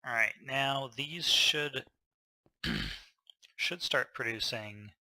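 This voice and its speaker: A man's voice: medium pitch, drawn-out words, bright, forceful tone, dry recording. A man casually narrating his gameplay, thinking aloud with fillers, a little tired. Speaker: gameplay commentator.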